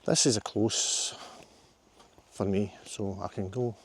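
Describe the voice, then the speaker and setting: Scottish male photographer, middle-aged, low gravelly voice, casual chatty outdoor vlog. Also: steady tone, slow, a little hiss or hum. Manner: chatty, talks to himself while walking. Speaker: landscape photographer. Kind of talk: casual vlog narration while hiking. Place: outdoors in riverside woods.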